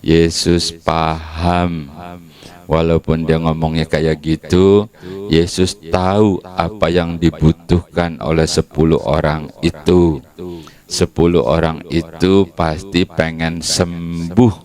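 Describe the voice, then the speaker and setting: A male pastor, giving a relaxed, conversational sermon in a church. His voice sits very low, and he talks at an unhurried pace while slipping into acted quotes. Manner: chatty, conversational, acts out quotes. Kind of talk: casual sermon.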